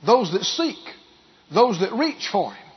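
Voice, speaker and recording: A pastor preaching a sermon, repeating key phrases for emphasis and building to loud bursts. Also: male voice, sits high, sing-song, a little slow, slightly rough, muffled recording.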